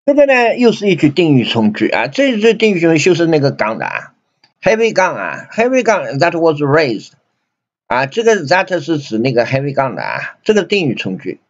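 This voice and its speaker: A man's voice: fairly high pitch, huge pitch swings. Chinese-accented man teaching English grammar. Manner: repetitive, many fillers and restarts, reads English slowly. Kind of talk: grammar lesson explaining sentences. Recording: dull lo-fi recording.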